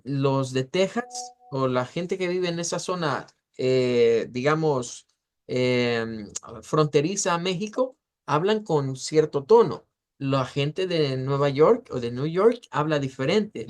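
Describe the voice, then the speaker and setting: A man teaching an English pronunciation class, explaining step by step and slowing down to model words syllable by syllable. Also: fairly high pitch. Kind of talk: online class lecture.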